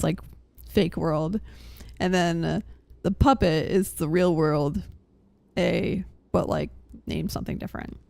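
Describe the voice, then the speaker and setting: A young woman streaming a game rambles and thinks aloud in casual live commentary, with faint game music playing behind her. Her voice is lowish and a little mellow, with vocal fry and no echo.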